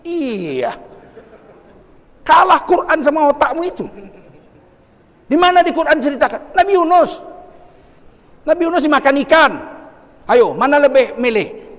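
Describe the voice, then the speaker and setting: A man giving a humorous sermon, telling stories and bursting into emphatic shouts. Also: very high-pitched, big-room sound. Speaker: Islamic preacher.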